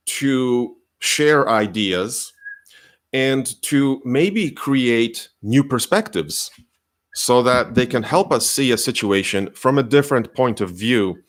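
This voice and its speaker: A man hosting a live coaching session, explaining slowly and patiently with many fillers; English is not his first language. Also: fairly low pitch. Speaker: career coach and host.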